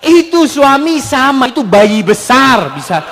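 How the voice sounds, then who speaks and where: A male Indonesian preacher giving an animated sermon with questions and answers, acting out wives and husbands and dropping in Arabic phrases. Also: extremely high pitch, unhurried, a little hiss or hum. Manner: animated, acts out wives and husbands in quoted voices; mixes Arabic phrases into his talk.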